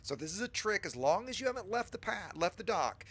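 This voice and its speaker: A man with a cold-roughened, husky voice talks viewers patiently through setting up a game for a new player, step by step, in a chatty, casual tutorial. His high-pitched voice swings widely in pitch, moves fairly quickly and has a fairly bright tone.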